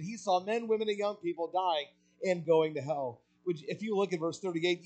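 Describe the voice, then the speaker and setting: A man preaching a sermon with passion, asking rhetorical questions and swelling louder on key points. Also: sits high, rough recording.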